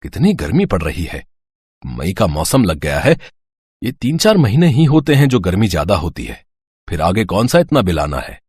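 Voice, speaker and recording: Man playing an easygoing older cartoon husband, low, husky, lively, dry sound. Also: moderate pace, dry recording, heavily acted. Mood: coaxing. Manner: calm, reasoning, coaxing. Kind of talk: animated storybook voice acting.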